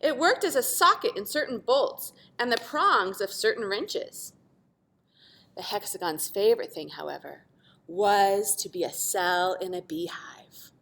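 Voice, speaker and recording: Reading a children's picture book aloud like a teacher, a woman uses dramatic emphasis and speaks asides to young listeners. Her medium-pitched, fairly bright voice is animated, with a slightly slow delivery.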